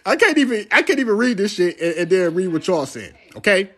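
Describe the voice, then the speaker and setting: A man's voice: sits high, a little fast. A man, preaching about prophecy in casual livestream talk, swearing and asking "right?" again and again. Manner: preachy, excitable, swears, asks "right?" often.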